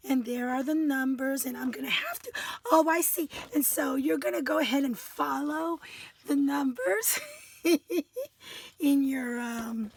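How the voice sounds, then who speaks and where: A woman's voice: high voice, a little slow, a little hiss or hum. A woman from the United States chatting casually as she unboxes craft supplies, giggling often and stumbling over her words. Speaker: craft vlogger.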